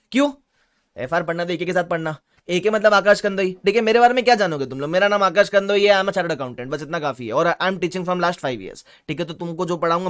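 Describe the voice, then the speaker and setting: A man with a Mumbai accent teaching a live online class, energetic, mixing Hindi and English and reading viewer chat aloud. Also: high-pitched, no echo, studio quality. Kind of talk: live-streamed online lecture.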